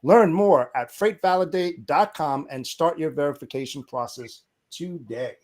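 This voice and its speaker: A man's voice: fairly high pitch, moderate pace, darkish tone. A man co-hosting a podcast and reading a scripted sponsor message. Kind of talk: scripted ad read.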